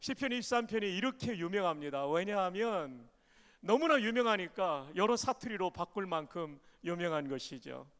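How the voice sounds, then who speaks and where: High-voiced pastor preaching in an echoing hall. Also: male voice, moderate pace. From Chungcheong, Korea. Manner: energetic, leads the congregation in call-and-response. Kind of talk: revival sermon. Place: large church or retreat hall. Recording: long echo of a large hall.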